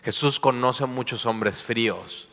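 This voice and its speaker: A man's voice: medium pitch, slow, gravelly, a bit bright, long reverb tail. A Mexican man preaching a sermon, playful, acting out small everyday dialogues. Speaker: pastor.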